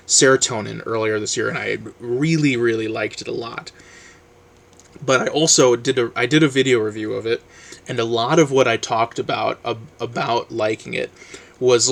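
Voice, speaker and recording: A man vlogging about books in a rambling, casual way, full of ums and trailing off quietly. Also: medium pitch, creaky. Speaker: book vlogger. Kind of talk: casual book review chat, reading blurbs aloud.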